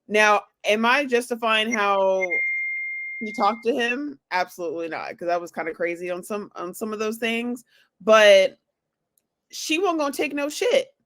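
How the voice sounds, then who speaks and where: A woman co-hosting a casual podcast chat, defensive and lively, acting out the people she quotes. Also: medium pitch, a little slow. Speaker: podcast co-host.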